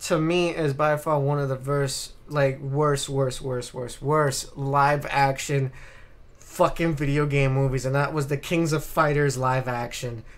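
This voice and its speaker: A podcast host chats casually and rants about films, swearing offhandedly, repeating words and adding exasperated emphasis. His mid-range voice keeps a steady tone at a measured pace.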